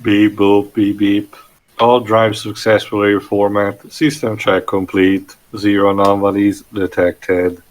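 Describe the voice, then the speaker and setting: A robot booting up and running its system checks, as a man puts it on for a joke. He reads each status message in a flat, clipped computer manner and voices his own beeps and boops. The voice sits a little low. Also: a little slow, natural voice, poor audio. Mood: mechanical. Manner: flat, clipped computer readout with spoken beep-boop noises. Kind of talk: joking voice-over while playing a game.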